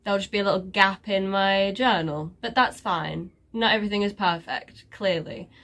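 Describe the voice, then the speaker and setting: A woman vlogger with a medium-pitched, fairly bright voice gives a casual life update at a moderate pace. Her nose sounds stuffy and congested, and she rambles with lots of fillers while mocking herself sarcastically.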